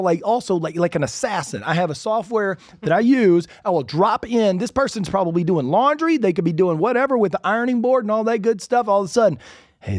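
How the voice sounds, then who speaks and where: A man hosting a real estate podcast, talking in an energetic, chatty way full of asides. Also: high voice, dry recording, studio quality. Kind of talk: casual instructional podcast talk.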